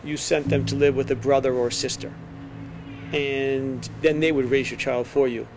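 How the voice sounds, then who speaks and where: A man's voice: mid-range voice, steady tone, moderate pace, noisy background. A middle-aged man, a teacher, telling his story and explaining in an interview style. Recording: music behind the voice. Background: music.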